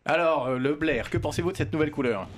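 An actor playing a polite, hesitant street reporter in an improvised radio comedy who struggles to keep control. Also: male voice, a little high, fast, slight background noise, natural voice. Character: flustered male street reporter.

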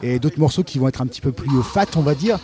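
A man's voice: medium pitch, lively intonation, quick pace, mellow. A man co-hosting a live radio interview, wordy, stumbling over repeated words. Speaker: radio co-host.

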